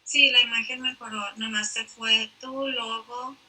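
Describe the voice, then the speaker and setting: A woman's voice: a little high, steady tone, unhurried, pushed and bright. A woman helping run an online workshop, giving short, helpful remarks about the connection. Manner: brief, helpful tech remarks. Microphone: video call. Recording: distant video-call audio.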